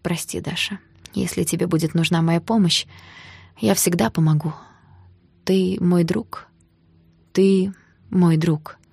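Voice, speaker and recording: A woman reading an audiobook and voicing a guilty young man who speaks quietly and haltingly, her voice husky. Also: fairly low pitch, no echo. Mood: subdued.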